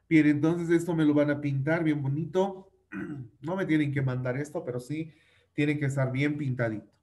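A man's voice: fairly high pitch, a little mellow. A male teacher giving an online class for children, patiently repeating vocabulary, drilling pronunciation and using fond diminutives. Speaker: English teacher.

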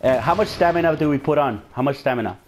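A man's voice: fairly high pitch, fast talker, dull audio, a little hiss or hum. Swearing man on game voice chat. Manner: laughing, swearing, taunting. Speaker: gamer on voice chat. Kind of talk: casual game chat, trash talk.

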